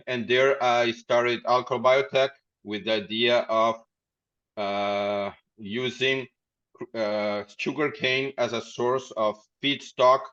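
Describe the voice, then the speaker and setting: In a dull, lo-fi recording, a man with a mid-range, fairly bright voice recounts how he founded his company. He's a guest on a podcast, and the casual interview finds him rambling and laughing a lot.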